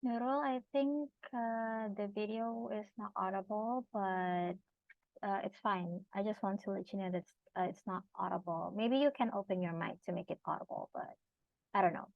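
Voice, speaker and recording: A woman's voice: mid-range voice, moderate pace, vocal fry, no room sound. Polite woman moderating an online session. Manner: polite, directing speakers with fillers. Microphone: video call. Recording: slightly muffled, dry call audio.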